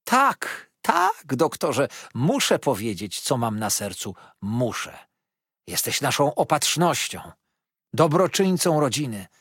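Storybook old busybody mother-in-law, shrill and gushing, read by a man, husky, very swoopy. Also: very animated, slow, a bit bright, no room sound, clean studio sound, full character voice.

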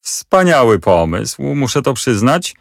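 A man's voice: mid-range voice, sing-song, takes it slowly, vocal fry, dry recording, studio quality, voice pushed up, exaggerated voice. A man voicing a cruel nobleman villain who sneers and taunts. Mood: sneering.

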